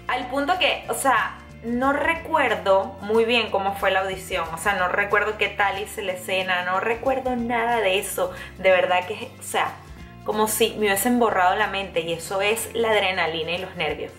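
A young woman from Venezuela with a Venezuelan accent, telling a casual story to camera in a chatty, animated way with many fillers and restarts. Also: medium pitch, normal speed. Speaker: vlogger. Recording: echoey room, faint music behind.

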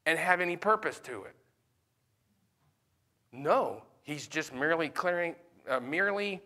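Pastor, man, Sunday school teacher; conversational, peppers the room with questions; forceful tone. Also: a little high. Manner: questions the class often; conversational, with fillers.

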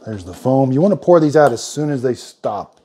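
A man's voice: medium pitch, expressive, fairly quick, dark tone. A middle-aged man giving a casual hands-on product demo in his home kitchen, thinking aloud in a plain-spoken way as he works. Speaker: product reviewer.

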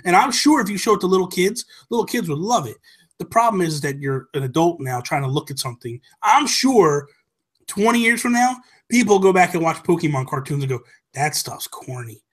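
A man in his thirties hosts a podcast from a small room at home, chatting casually and with animation about games and films. He's emphatic and opinionated, his voice sitting high, expressive and fairly quick. He speaks into a close desk microphone while wearing headphones.

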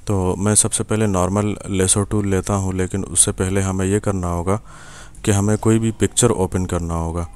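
A young Pakistani software instructor with an Urdu accent records a screen tutorial at his desk, his voice very low, smooth and resonant with a flat delivery. He guides the viewer patiently step by step, pausing on fillers and checking in as he goes.

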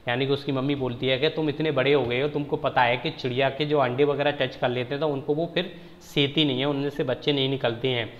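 Flat-voiced male teacher explaining a story. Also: mid-range voice, quick pace, few pauses. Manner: reads the text, then explains it in plain words. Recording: echoey, dull lo-fi recording.

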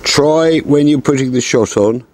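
A man in his sixties calmly explaining a fishing setup step by step, seated outdoors at a garden table and talking into a lapel mic. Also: medium pitch, a little slow. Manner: calm, methodical, practical explanations. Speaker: fishing instructor. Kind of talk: step-by-step tutorial.

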